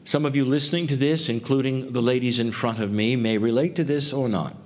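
A man giving a spiritual channeled talk to a group, speaking in deliberate, solemn phrases with pauses. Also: medium pitch. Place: live before a group. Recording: faint background noise.

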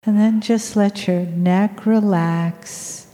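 A woman leading a guided meditation in a soft, soothing, unhurried manner with long pauses, recorded in a reverberant room. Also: medium pitch, fairly even intonation. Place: large room with people present. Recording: reverberant hall.

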